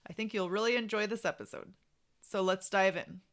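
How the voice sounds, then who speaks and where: A woman's voice: medium pitch, steady tone, brisk, a bit bright, dry recording. Woman doing podcast hosting, chatty and emphatic, pretty dry recording. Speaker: podcast host.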